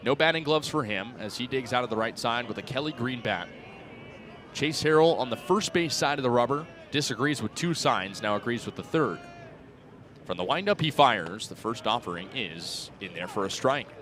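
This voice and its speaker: Over ballpark crowd noise and music, a man in his twenties provides radio play-by-play for a baseball game outdoors. His medium-pitched voice is fairly bright, with lively intonation at a moderate pace.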